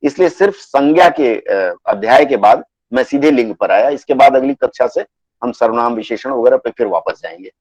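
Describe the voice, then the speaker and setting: A man teaching a Hindi grammar class online, patiently repeating rules and dictating word lists slowly. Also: mid-range voice, animated, a little mellow, dry recording, low-quality recording.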